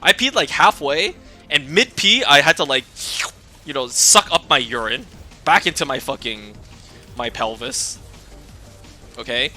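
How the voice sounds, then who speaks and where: A man's voice: mid-range voice, expressive, a little slow, long pauses, pushed and bright, faint music behind. A young man streaming, telling a casual story in a rambling way, swearing and laughing a lot.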